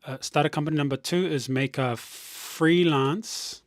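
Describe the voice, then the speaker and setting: A man's voice: fairly high pitch, measured pace, dry recording, studio quality. Rambling man streaming at his desk. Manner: rambling, thinking out loud with restarts; reads viewer comments aloud. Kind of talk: casual live-stream chat.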